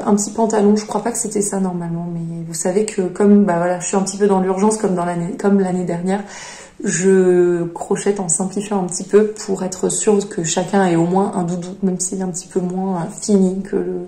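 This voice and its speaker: In an echoey room, a woman hosting a knitting podcast shows her projects in a relaxed show-and-tell chat. Her voice is mellow and medium-pitched, and she fills it with hesitations and filler words.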